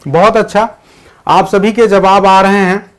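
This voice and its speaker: A man with a high voice leads a live online exam-prep class. He explains English grammar points and reads his students' chat replies aloud, switching between Hindi and English sentences. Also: fairly even intonation, measured pace. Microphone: digital board class setup.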